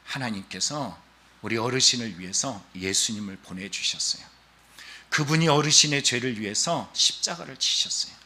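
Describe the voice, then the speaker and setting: A man's voice: medium pitch, moderate pace. A male pastor preaching a Sunday sermon, telling stories and acting out the voices of the people in them. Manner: animated storytelling preaching, acting out quoted voices.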